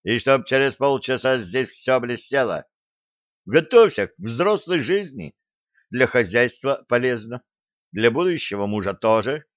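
A man voicing a gruff, sardonic male starship captain who gives bossy orders, in a dull lo-fi audiobook recording. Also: medium pitch, expressive, unhurried, dry recording, lightly acted. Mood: stern mocking. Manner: bossy, grumbling.

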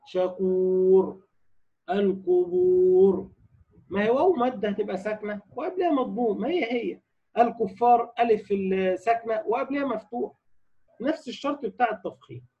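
Egyptian man, tajweed teacher, high husky voice, casual explainer who recites examples slowly and repeats them. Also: animated. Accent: Egyptian Arabic. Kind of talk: tajweed lesson in colloquial Arabic. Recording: dull lo-fi recording.

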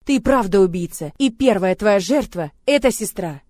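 A woman's voice: lively intonation, normal speed, darkish tone, no echo, studio quality, lightly acted. A woman voicing a furious, heartbroken young heroine who screams her accusations. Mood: furious screaming. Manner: screaming accusations, shrill and raw.

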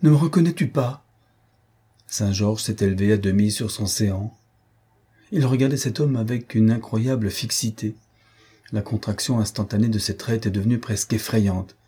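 Husky, dark-voiced male narrator. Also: lowish voice, fairly even intonation, moderate pace. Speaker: audiobook narrator. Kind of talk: scripted literary narration.

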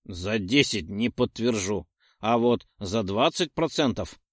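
A man reading aloud and voicing a greedy, sly male troll who haggles in a slow, bargaining manner. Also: lowish voice, animated, no room sound, clean studio sound. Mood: sly, haggling.

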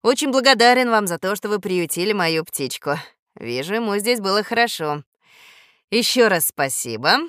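Woman narrator doing a kind, courteous grown man in a storybook, mid-pitched, dry sound. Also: lively intonation, moderate pace, a bit bright, clean tone, dry recording, natural voice. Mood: polite, pleading. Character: kindly middle-aged man, a parrot's owner.

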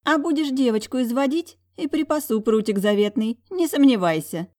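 A woman's voice: high-pitched, animated, moderate pace, a little mellow, pitched above the performer's own voice. A woman voicing a stern old dragoness aunt who scolds and grumbles at her nephew. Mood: teasing threat.

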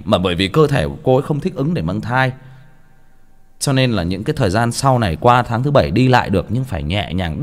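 A young man reading a story as a casual, rambling monologue, often stammering and repeating words. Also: medium pitch. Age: young adult. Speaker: audiobook reader.

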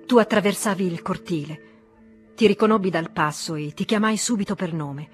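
A woman's voice: lowish voice, moderate pace, faint music behind, natural voice. A woman reading the part of an agitated, worldly middle-aged man who reproaches an old friend, in an audiobook. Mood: reproachful. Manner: reproachful, emotionally charged.

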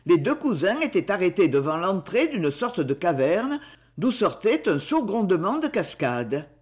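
A male audiobook narrator with a fairly high voice and a lively, rolling intonation. He reads the story theatrically, leaning into each sentence. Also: a little slow. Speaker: audiobook reader. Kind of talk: scripted narration.

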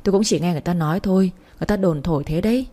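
A woman reading the part of a kind young man who coaxes and pleads gently, in an audiobook. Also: on the low side, racing, natural voice. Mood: calm. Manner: coaxing, pleading.

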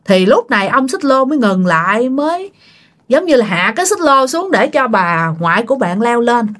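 A woman's voice: fairly high pitch, very animated, moderate pace, fairly bright tone. A woman narrating a ghost story for her channel, chatty and colloquial, often speaking straight to her listeners.

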